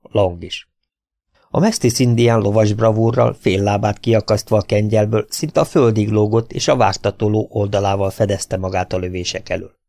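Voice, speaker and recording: Man, audiobook narrator, adventure novel, steady reading, gravelly, dry close sound. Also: lowish voice, no echo.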